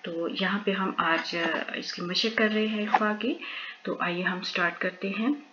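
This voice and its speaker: Woman teacher drilling recitation, spelling out each syllable then joining it up, slow and lowish, dull lo-fi sound with faint hiss. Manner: spells out letters and vowel marks syllable by syllable, then joins them. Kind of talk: explaining a lesson to viewers.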